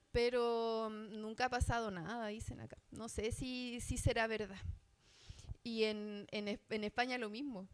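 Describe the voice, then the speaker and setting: A woman from Chile with a Chilean accent, preaching a sermon as a missionary in church, earnest and asking the congregation questions. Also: on the high side. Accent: Chilean Spanish. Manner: earnest, asks the congregation questions, many fillers.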